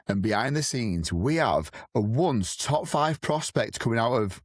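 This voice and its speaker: A man's voice: medium pitch, animated, a little slow, no echo. Upbeat chatty man, dry close sound. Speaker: podcast co-host. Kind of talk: casual sports podcast chat. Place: kitchen.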